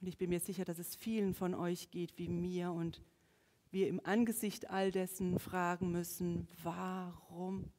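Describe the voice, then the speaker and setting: A woman preaching a sermon, swinging between strong emphasis and hushed, whispered passages. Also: lowish voice, flat delivery, normal speed. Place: church. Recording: long reverb of a church hall.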